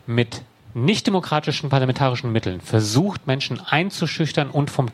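A man giving a political speech to an audience in a room, talking deliberately and slowing down to stress key words. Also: medium pitch, expressive. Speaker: speaker addressing an audience.

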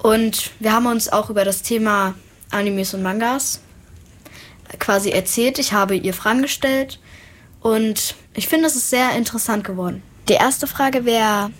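A woman's voice: a little high, normal speed. A woman hosting a podcast, asking interview questions in a casual, somewhat hesitant way.

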